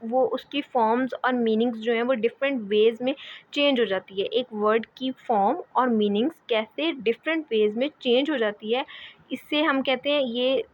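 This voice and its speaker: A woman giving a lecture as a teacher, often checking in with "okay" and pausing with fillers. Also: on the high side. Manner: repeats "ठीक है", hesitant fillers. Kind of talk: explaining lecture. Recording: dull lo-fi audio.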